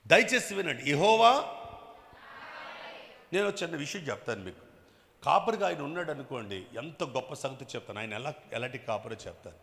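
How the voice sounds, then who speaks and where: A man preaching a sermon as bishop with a Telugu accent, emphatic, swinging from loud bursts to quiet asides and prodding the congregation with questions. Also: medium pitch, animated, fast. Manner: emphatic, bursts loud then drops soft, prods the crowd with questions. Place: church hall with long reverb. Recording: echoey church hall.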